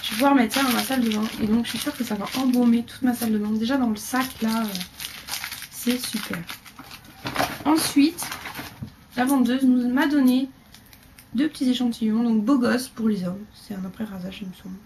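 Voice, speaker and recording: A woman chatting casually through a beauty haul video, rambling with fillers and dropping into quiet asides. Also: a little high, moderate pace, noisy background. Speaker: beauty vlogger.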